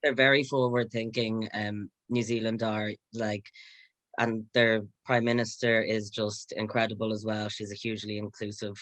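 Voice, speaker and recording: A man's voice: on the low side, level tone, normal speed, fairly bright tone, dry recording. An Irish man in his late twenties, chatting as an interview guest in a rambling way with plenty of "you know"s. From Ireland, North County Dublin. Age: late 20s. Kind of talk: casual interview chat.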